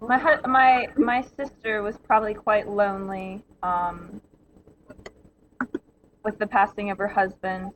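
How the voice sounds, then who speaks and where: A woman speaking in character during a murder mystery game, hesitant and full of pauses. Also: medium pitch, steady tone, phone-quality sound, slight background noise. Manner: hesitant, many ums, giggly.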